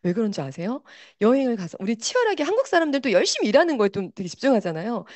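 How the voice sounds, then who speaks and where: A woman giving an animated motivational talk, speaking directly to her audience on a microphone. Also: fairly high pitch, rapid-fire, no echo.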